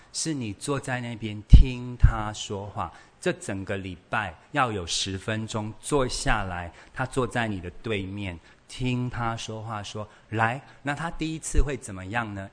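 A man teaching a parenting class in a lively way, acting out little scenes as he goes. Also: on the low side, measured pace, few pauses. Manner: animated, storytelling, acts out scenes.

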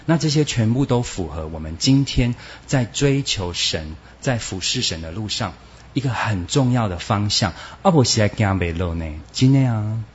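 Male preacher, very animated sermon delivery that drops in Hokkien, dull lo-fi sound. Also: fairly low pitch, moderate pace. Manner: animated, acts out quoted voices, mixes in Hokkien words. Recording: dull lo-fi recording.

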